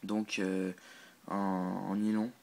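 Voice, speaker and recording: A man's voice: low-pitched, level tone, slow pace, creaky, darkish tone, low-quality recording. A man hosting his own channel, giving a casual unscripted product review full of "euh" fillers and restarts, and laughing at his own slips. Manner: hesitant, filler-heavy, restarts often. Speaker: channel host reviewing a replica gun.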